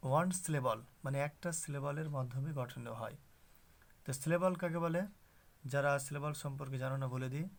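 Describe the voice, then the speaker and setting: Gravelly male teacher explaining grammar. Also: on the high side. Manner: explains slowly with rhetorical questions to students. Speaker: English teacher. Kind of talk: classroom grammar lesson.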